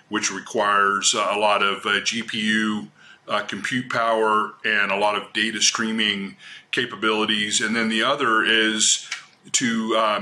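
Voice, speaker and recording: A middle-aged man speaking on a video-call panel discussion, measured and hesitant, with frequent fillers. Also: on the low side, sharp tone. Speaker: panelist from a cloud provider. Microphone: webcam on a video call.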